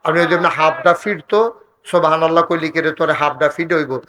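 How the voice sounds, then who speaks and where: Male preacher, bright sharp tone, chanting call-and-response sermon, fast asides. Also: fairly high pitch, steady tone, rough recording. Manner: scolds the mic operator in quick asides. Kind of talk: sermon at a religious gathering.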